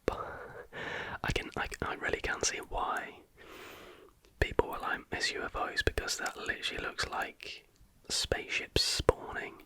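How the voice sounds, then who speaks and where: Speaking in an unhurried whisper, this British ASMR host offers relaxed, talkative reaction commentary. It comes across as quiet, loose and meandering.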